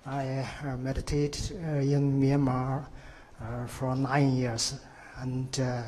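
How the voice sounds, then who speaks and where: A man from China, a monk participant, giving very halting thanks with constant fillers. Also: medium pitch, little pitch movement, dark tone, a little hiss or hum.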